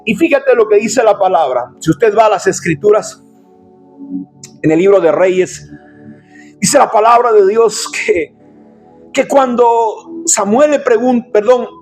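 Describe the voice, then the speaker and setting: A man preaching an impassioned sermon as pastor, often shouting and addressing listeners as brother. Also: sits high. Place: church.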